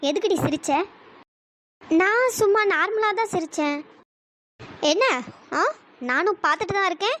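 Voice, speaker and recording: A woman voicing a jealous, bossy young woman who taunts and bullies others, in a cartoon story with a pitch-raised voice. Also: normal speed, pauses often, a bit bright. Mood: taunting. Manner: taunting, bullying.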